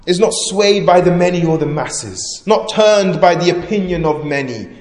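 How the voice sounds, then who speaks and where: A man preaching a sermon fervently, rising to loud proclamation and dropping to hushed emphasis. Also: high-pitched, animated, moderate pace. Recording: echoey hall with long reverb.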